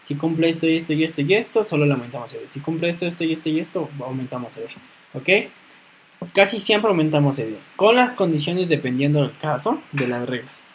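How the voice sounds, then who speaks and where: A man teaching a grammar lesson, who checks in with a questioning "ok?" after almost every phrase and slowly repeats words to show their stress. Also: fairly high pitch, expressive, slight background noise, low-quality recording. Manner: clears throat now and then. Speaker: English teacher. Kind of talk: explaining grammar rules in a lesson.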